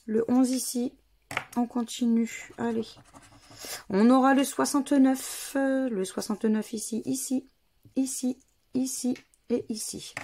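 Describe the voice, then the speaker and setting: With a fairly even, higher-pitched and mellow voice, a woman vlogger talks unhurriedly while playing scratch games, spelling out letters and numbers one by one. A little background noise can be heard.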